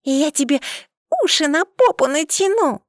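Little girl, squeaky, shrill, bold, naive, audiobook, dry sound. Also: expressive, a little slow, dry recording. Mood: defiant. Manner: squeaky, shouting childish voice.

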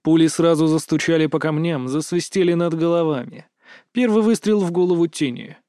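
A man tells a war story in short, punchy sentences. His voice is a little high for a man. The recording is dry and close, with no room echo. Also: fairly quick, warm tone. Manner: terse, clipped action narration. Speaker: narrator. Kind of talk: scripted narration of a war story.

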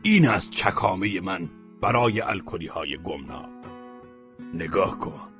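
A male narrator voicing an eccentric, rambling adult male friend who drinks port wine, delivered in a whimsical, excitable manner for a dull lo-fi audiobook. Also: over music. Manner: whimsical, excitable, raises voice higher than the narrator.

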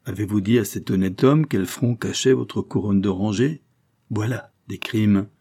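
A man's voice: lowish voice, unhurried, slightly rough. A man reading an audiobook, voicing a scheming, coldly polite marquis who sneers and presses his threats. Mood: menacing. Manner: sneering, insistent, rising to forceful outbursts.

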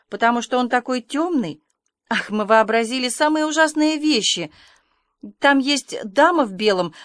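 A woman's voice: on the high side, no room sound, voice pushed up, close to an everyday voice. A woman reading the part of an imaginative, chatty orphan girl who pours out her thoughts in long, effusive runs. The sound is close and dry. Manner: breathless, effusive storytelling.

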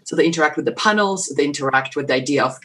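A woman from Poland, answering interview questions in a lively, halting way with many restarts. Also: low voice. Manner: animated, lots of restarts and laughs.

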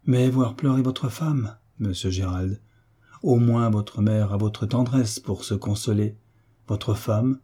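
A man's voice: fairly low pitch, mellow, slightly rough. A man voicing a blunt, affectionate old navy veteran who speaks frankly and firmly. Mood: earnest. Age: older. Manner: frank, firm, plain-spoken.

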